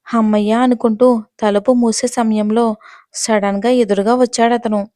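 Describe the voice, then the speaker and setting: A woman reads a romance audio story aloud in a steady, dramatic manner, her voice pitched a little high. The recording is close and dry, with no room echo. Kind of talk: scripted audio story narration. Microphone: close mic, dry sound.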